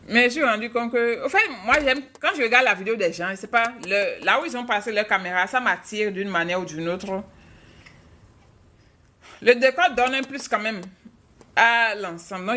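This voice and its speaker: Woman, from Africa, live-stream host, casual frank chat, bright tense voice. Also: mid-range voice, a little hiss or hum. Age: adult, mother of a child. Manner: chatty and frank, talking straight to viewers. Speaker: YouTuber hosting a live stream.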